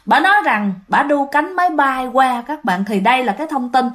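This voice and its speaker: A woman's voice: sits high, lively intonation, brisk, a bit bright. A woman telling a ghost story casually, talking straight to her listeners. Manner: chatty, addresses listeners directly.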